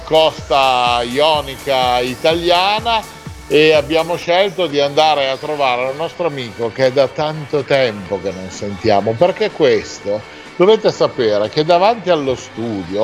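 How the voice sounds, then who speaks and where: A man hosting a radio show in casual, teasing chat, talking in halting phrases and adding little tag questions. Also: on the high side.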